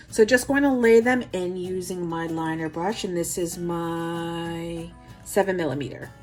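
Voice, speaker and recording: A woman's voice: mid-range voice, a little mellow. Chatty New York woman teaching nails. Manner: chatty, self-deprecating asides. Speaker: nail art tutorial host. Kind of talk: casual step-by-step tutorial.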